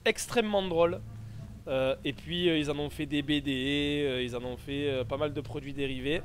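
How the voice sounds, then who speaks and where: A man's voice: on the high side, moderate pace. A man doing casual live gameplay commentary and chatting with his viewers. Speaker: game streamer. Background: game audio.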